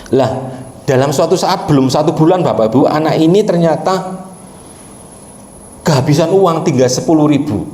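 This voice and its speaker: A man's voice: on the high side, normal speed, long pauses, warm tone, echoey room. A male pastor telling a story in a sermon and often turning to address the congregation directly.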